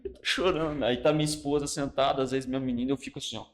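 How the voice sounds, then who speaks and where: In casual, everyday language, a middle-aged pastor with a Brazilian Portuguese accent tells his testimony as a guest, racing along at a medium pitch with fairly even intonation. He's animated overall but goes quiet and hushed when things turn solemn.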